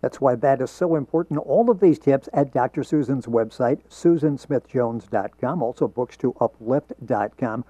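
A man's voice: medium pitch, moderate pace, few pauses, mellow, no echo. A man hosting a radio talk show, interviewing a guest, heard as recorded off the radio. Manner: friendly, leading the guest through tips. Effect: heard as taped off the radio. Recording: dull, dry radio broadcast recording.

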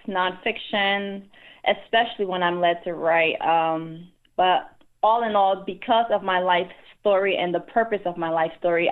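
A woman from Liberia speaks earnestly as an interview guest, her voice coming through a thin, phone-like line. She talks in a middle pitch and often hesitates with ums as she gathers her thoughts. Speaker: guest author. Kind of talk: interview answers.

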